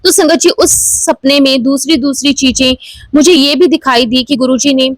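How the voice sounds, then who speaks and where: A woman in her forties recounts her devotional experiences in an earnest storytelling manner, often calling out to her listeners. Her voice sits high. The recording is dry and close, with almost no room sound. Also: normal speed, dry recording, poor audio. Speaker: devotee sharing a testimony. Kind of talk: devotional personal testimony.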